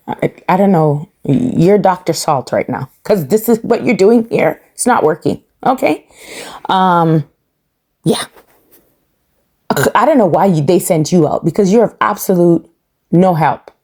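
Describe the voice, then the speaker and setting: A woman's voice: mid-range voice, darkish tone. A woman hosting a podcast, giving a casual, opinionated recap with sassy, emphatic repetition. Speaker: podcast host reviewing a reality show.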